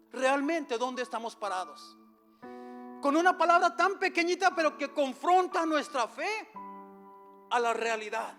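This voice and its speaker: A man's voice: very high-pitched, a bit bright. A man, a pastor, preaching a sermon in church with impassioned delivery, often acting out prayers aloud.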